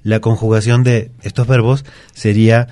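A man's voice: lowish voice, flat delivery, normal speed, mellow, no echo. A man, a grammar teacher patiently explaining spelling rules as a guest in a radio studio. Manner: patient, methodical, repeats examples.

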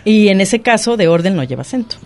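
A man hosting a radio show, chatty and quick to chime in with short agreeing interjections. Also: sits high, lively intonation. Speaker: radio host. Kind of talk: casual radio chat.

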